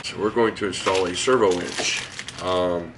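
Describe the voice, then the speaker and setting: Man, low gravelly voice, hoarse from a cold, casual how-to, noisy background. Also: normal speed. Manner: relaxed, rambling, filler-heavy explaining. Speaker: host of a hobby garage channel.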